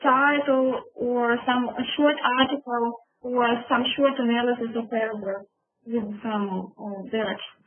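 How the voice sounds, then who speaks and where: A woman's voice: a little high, level tone, a little slow. A woman teacher with a Russian accent, answering on a video conference call, who speaks hesitantly and searches for her words. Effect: conference call audio. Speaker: language teacher. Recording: phone-like call line with faint noise.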